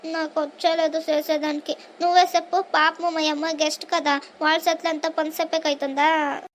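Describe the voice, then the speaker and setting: Woman voicing a high whiny young wife. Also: flat delivery, a little fast, a little hiss or hum, natural voice. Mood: sulky. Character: young daughter-in-law, fussy, whiny. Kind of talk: cartoon voice acting.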